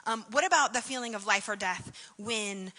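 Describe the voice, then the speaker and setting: A woman's voice: medium pitch, moderate pace, pushed and bright, long reverb tail. A woman giving a conference keynote in a conversational, reflective way, full of "like" and "um" fillers. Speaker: keynote speaker.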